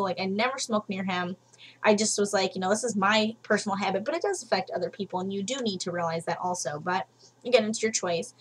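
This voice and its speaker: Brief: young woman, home vlogger, husky voice, frank and chatty, low-quality webcam sound. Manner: chatty, frank, lots of fillers. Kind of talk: casual advice vlog.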